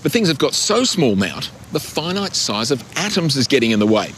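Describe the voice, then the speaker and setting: A man presenting and narrating a science documentary segment in a lively, scripted style. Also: mid-range voice, a little fast, slight background noise. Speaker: science reporter. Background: music.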